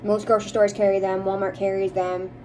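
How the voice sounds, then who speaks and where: An American woman vlogger chats casually with her viewers, rambling and opinionated, and she's emphatic about what she likes and dislikes. Her mid-range voice has little pitch movement, a brisk pace and a dark tone, with a little hiss or hum in the audio.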